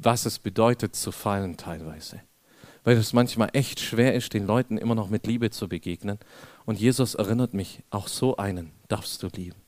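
A young male preacher tells stories from his own life during a sermon, acting out each exchange with animated energy. He turns to speak straight to the people in the pews. His voice sits at an ordinary pitch, and the recording is close and dry. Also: no echo. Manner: animated storytelling, acts out dialogue, addresses congregation directly. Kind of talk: lively sermon with personal stories. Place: church hall.

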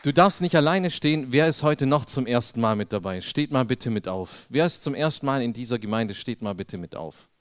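A young man preaching in a church, telling personal stories in a lively, animated way, acting out the dialogue and speaking straight to the congregation. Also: medium pitch, brisk, hardly any pauses, some chatter behind. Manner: animated storytelling, acts out dialogue, addresses congregation directly. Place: church hall.

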